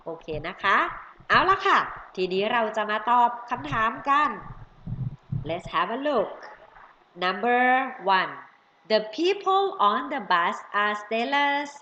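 A woman's voice: fairly high pitch, very animated, extremely slow, pushed and bright. A woman with a Thai accent teaching children English family words, coaxing them and drawing out each English word. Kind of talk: bilingual vocabulary lesson for kids. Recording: roomy, slightly dull audio with faint noise.

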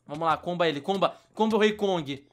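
Young Brazilian male gaming host, high and fast, frantic excited commentary. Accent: Brazilian Portuguese. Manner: frantic, shouting during fights. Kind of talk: excited Minecraft let's-play chatter.

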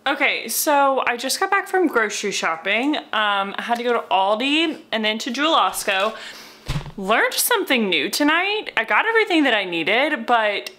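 A young American woman talks to the camera at home in a small apartment, relaxed and upbeat, with frequent ums. Her voice sits a little high and sounds bright and clear, picked up by a nearby camera mic. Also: normal speed. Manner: chatty, upbeat, lots of fillers. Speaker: vlogger. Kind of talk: casual vlog talk to camera. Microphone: camera or phone mic at close range.

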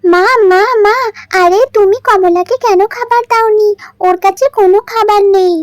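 A woman's voice: extremely high pitch, fairly even intonation, moderate pace, no echo, voice pushed up. A woman voicing a chatty, fussy young daughter who complains a lot in a doll story.

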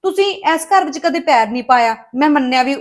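A woman's voice: high-pitched, animated, fast talker. An actress with a Punjabi accent playing a caring, protective woman who talks earnestly and insistently. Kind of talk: Punjabi web drama acting.

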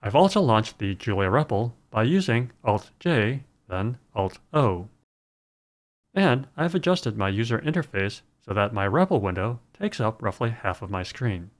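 A man narrating a scripted programming screencast in a calm, measured way. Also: lowish voice.

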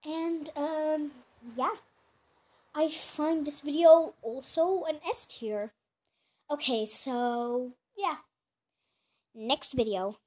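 A woman's voice: sits high, drawn-out words, pauses often, background noise. A female creator chatting casually while reacting to her own old clips, chatty and self-mocking. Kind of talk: casual chat.

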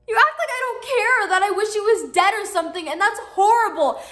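Anguished, defensive teen daughter played by a young actress, high voice, dramatic monologue in an echoey room. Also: female voice, darkish tone. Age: young teenager, 14. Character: anguished, defensive teenage daughter and musician pleading. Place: small plain indoor room.

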